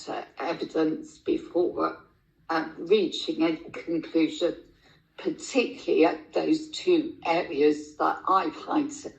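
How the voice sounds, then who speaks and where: A woman speaking as a councillor at a formal meeting, halting and deliberate. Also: sits low, gravelly. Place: indoor council meeting room. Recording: echoey meeting room, muffled lo-fi sound.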